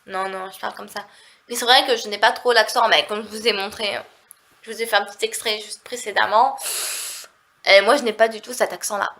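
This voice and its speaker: A woman's voice: mid-range voice, steady tone, brisk, sharp tone. A woman from southern France with a nasal voice, chatting casually and rambling in a vlog. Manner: chatty, rambling, heavy on fillers. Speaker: vlogger.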